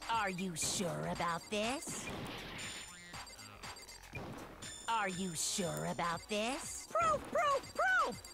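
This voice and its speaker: A gleeful mocking robot bear. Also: male voice, sits high, huge pitch swings, slow, vocal fry, full character voice. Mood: jeering chant. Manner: mocking, sing-song teasing. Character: taunting male robot bear, gleeful mastermind. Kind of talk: video game voice acting. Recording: game audio with music behind. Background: game music.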